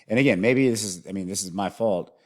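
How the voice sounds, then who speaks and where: A man's voice: on the low side, fairly quick, a little mellow. A man hosting a music video reaction, thinking aloud in a rambling way and often restarting his sentences.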